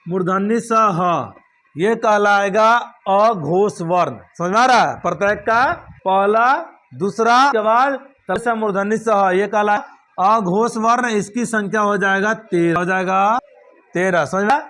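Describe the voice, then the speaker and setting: Teaching grammar at a measured pace, this man has a high-pitched, slightly bright voice. Every point gets repeated, and he poses questions like "understood?" before supplying the answers himself.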